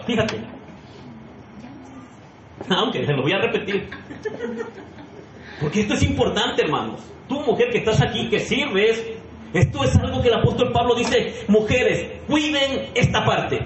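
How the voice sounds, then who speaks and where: A man preaches a sermon with a high, bright-edged voice, pressing his points and calling out questions to the congregation. His voice rings in an echoey church sanctuary with a faint hum of ambience behind it. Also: sing-song, normal speed, long pauses. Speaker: pastor.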